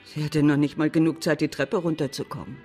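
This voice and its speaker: A German radio play features an actress as a witness, an older, loyal, plain-spoken widow who answers matter-of-factly and frankly. Her low-pitched voice is a little mellow and close to everyday speech, with fairly even intonation, a fairly quick pace, and soft background music.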